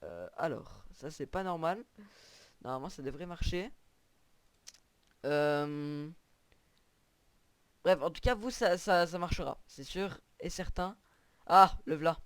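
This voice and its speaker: A man's voice: a little high, lively intonation, takes it slowly, long pauses, clear, resonant tone, no room sound. Casual hesitant young man, dry mic. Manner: casual, hesitant, lots of fillers. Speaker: tutorial creator. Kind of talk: screen-recorded gaming tutorial.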